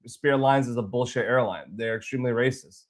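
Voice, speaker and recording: A man's voice: medium pitch, fast. A man who grew up in Boston tells his travel story in a casual vlog. He sounds aggrieved, rambles and often restarts his sentences.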